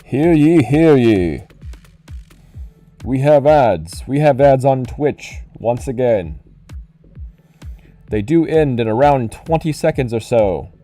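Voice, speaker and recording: A man's voice: medium pitch, animated, slow pace, long pauses, dark tone, soft background music. A man streaming live, talking into a cup for a muffled effect and making mock-grand, herald-style announcements. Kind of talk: live stream chat during ad break.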